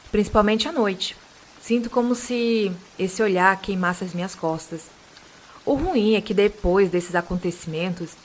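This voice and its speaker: A woman with a Brazilian Portuguese accent, a podcast host calmly reading listeners' true supernatural stories aloud. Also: mid-range voice, a little hiss or hum.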